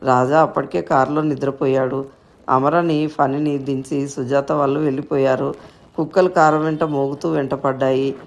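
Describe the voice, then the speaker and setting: A man reading a short story aloud in steady, scripted narration. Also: mid-range voice, moderate pace.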